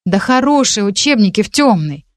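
A woman's voice: medium pitch, big pitch swings, normal speed, no echo, clean studio sound, close to an everyday voice. A woman voicing Marina, a stubborn teenage witch girl who talks defensively and reasons her way out. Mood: placating. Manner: defensive, reasoning, a bit sulky.

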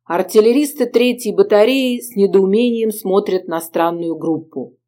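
A woman reading an adventure novel aloud as audiobook narrator, in a measured, expressive way. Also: mid-range voice.

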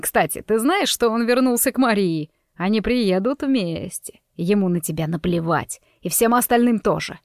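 A woman's voice: mid-range voice, moderate pace, hardly any pauses, dry recording, studio quality, close to an everyday voice. A woman voicing Dante, a sneering mobster groom. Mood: menacing. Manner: taunting, sinister. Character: menacing young male mobster groom, cruel and mocking.

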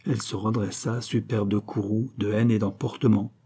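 A man reading a classic novel aloud as an audiobook narrator, with measured, steady storytelling. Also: lowish voice, slightly rough. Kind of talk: scripted literary narration.

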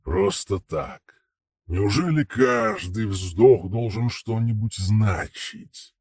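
A man voicing a huge, weary old male dragon, speaking slowly and aloofly in a husky voice for an audiobook. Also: animated, darkish tone, no echo, clean studio sound, exaggerated voice. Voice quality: husky, deep and distant timbre. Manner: slow, questioning, aloof. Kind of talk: audiobook character voice.

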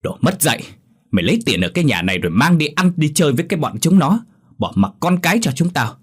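A man voicing a hot-tempered drunken father who scolds his daughter in rapid anger, in a spoken horror story. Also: mid-range voice, lively intonation, husky. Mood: furious. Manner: fast, furious scolding.

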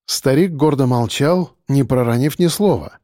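A man reading a story aloud as narrator in a measured, even manner. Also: medium pitch, no room sound, clean studio sound. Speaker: audiobook narrator. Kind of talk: scripted narration.

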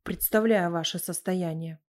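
A cautious man speaks politely and hesitantly in a lowered, quiet voice. A woman narrator voices him in an audiobook, dropping her pitch slightly. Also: steady tone, a little slow, lightly acted.

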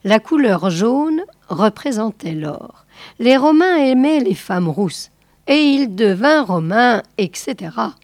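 Woman reading an old novel aloud, real slow and careful, dry close mic. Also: fairly high pitch, big pitch swings, darkish tone, dry recording. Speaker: audiobook reader. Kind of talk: literary reading.

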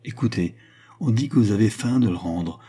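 A desperate young nobleman, urgent and jealous, as a man reads him in a low, husky voice. Dark and mellow in tone, audiobook reading. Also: moderate pace. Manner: urgent, pleading.

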